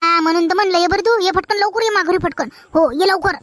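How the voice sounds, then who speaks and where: High-voiced Vidarbha village girl. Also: fast talker, fairly bright tone, no echo, clean studio sound. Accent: Vidarbha Marathi. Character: bold young village girl. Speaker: comedy actor. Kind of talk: rural comedy sketch acting.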